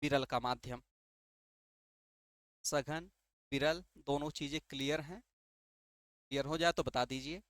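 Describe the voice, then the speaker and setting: Here the teacher's voice is fairly high and bright, with fairly even intonation, a measured pace, and long pauses, in a dry studio-quality recording. During his exam-prep lesson he answers his own rhetorical questions, keeps repeating key terms, and asks "ठीक है" to confirm understanding.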